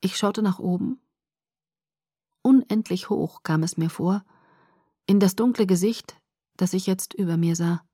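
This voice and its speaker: Soft-spoken woman reading a novel. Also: lowish voice, measured pace, long pauses, slightly rough, no echo, studio quality. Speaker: audiobook narrator. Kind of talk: first-person novel narration.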